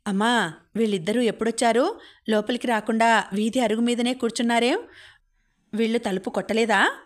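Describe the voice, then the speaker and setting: A woman's voice: fairly high pitch, fairly even intonation, brisk, lightly acted. A woman narrator voicing a young husband who sternly defends his wife against his father, in an audiobook. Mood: indignant.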